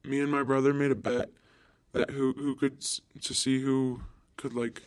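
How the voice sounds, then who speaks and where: Brief: anonymous seventh-grade boy, voice digitally pitched down to a disguised deep voice, shy and halting. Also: flat delivery. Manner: hesitant, halting, with nervous giggles. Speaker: anonymous student interviewee. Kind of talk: shy interview answers.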